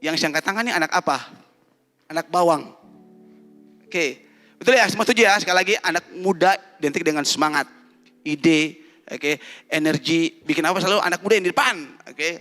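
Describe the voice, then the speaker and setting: High bright-voiced pastor preaching animatedly. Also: male voice, fairly quick, pauses often, in a large hall, faint music behind. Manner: animated, teasing, quizzes the congregation. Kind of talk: lively youth sermon with call-and-response. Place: church.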